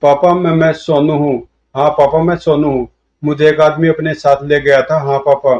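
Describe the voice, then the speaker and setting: A man's voice: a little high, flat delivery, moderate pace, a little mellow, lightly acted. Man doing a pleading old man who acts like a little boy. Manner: childlike, whiny pleading. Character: old man over seventy acting like a pleading six-year-old boy. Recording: dull lo-fi audio.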